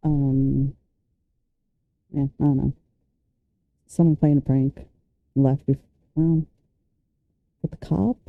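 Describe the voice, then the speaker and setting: A woman's voice: very deep voice, steady tone, slow, creaky, long pauses, dry recording, narrow, tinny audio. A woman reacting casually to video clips, rambling with lots of fillers and the odd curse. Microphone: handheld or desk mic close up.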